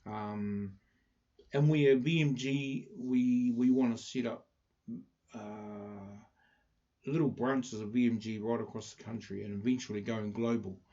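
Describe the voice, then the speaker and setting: Male livestream host, Māori New Zealand accent, mid-pitched, casual and halting delivery, dull lo-fi audio. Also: steady tone, mellow. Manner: halting, with many pauses. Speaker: livestream host presenting a community project. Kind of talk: casual live chat.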